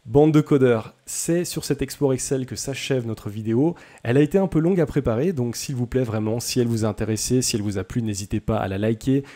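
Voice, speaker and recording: A man's voice: medium pitch, fast talker, few pauses, mellow. A young man hosting a casual coding tutorial, chatty and self-deprecating, with many hesitations.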